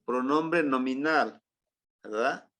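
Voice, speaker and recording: Slow, patient Mexican teacher, man. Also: medium pitch, pushed and bright. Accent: Mexican Spanish. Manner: patient, repeats words and checks in with "¿se acuerdan?". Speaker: Nahuatl language teacher. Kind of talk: classroom lesson.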